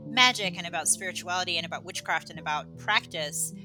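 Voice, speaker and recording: Low-voiced rambling woman guest. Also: fairly quick, over music, rough recording. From England, raised in Australia. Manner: rambling, self-deprecating, many fillers and restarts. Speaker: podcast guest. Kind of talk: casual conversational interview.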